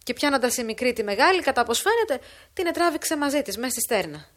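A woman voicing a shrewd, scheming old village woman who talks loudly and frantically in a dramatic audiobook reading. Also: sits high, sing-song, voice pushed up. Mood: breathless telling. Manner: shouting, frantic and loud.

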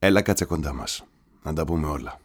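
A reader voicing a calm, reassuring father with a wry streak in an audiobook. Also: very deep voice, husky, voice pushed down, full character voice. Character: calm, dry-humoured father. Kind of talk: audiobook character voice.

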